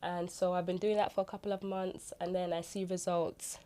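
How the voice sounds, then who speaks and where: A woman's voice: fairly low pitch, flat delivery, a little fast, warm tone. A woman speaking as a podcast guest, telling her own story in a casual way. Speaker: podcast guest, small business founder. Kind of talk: casual personal account.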